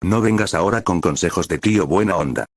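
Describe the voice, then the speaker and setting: A man's voice: low-pitched, lively intonation, a little fast, no echo, clean studio sound. A man reading the lines of an older male hero, flustered and defensive. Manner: flustered, sweating.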